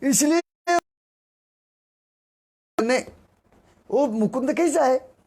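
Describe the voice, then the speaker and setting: High-voiced man preaching a devotional sermon. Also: drawn-out words, a little mellow. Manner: acts out quoted voices with dramatic shifts in pitch and pace.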